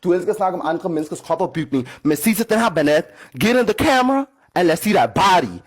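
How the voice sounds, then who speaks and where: A man's voice: sits high, animated, slightly rough. A man arguing on a livestream, confrontational and sassy, dropping slang-heavy English phrases into his talk. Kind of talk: heated livestream argument.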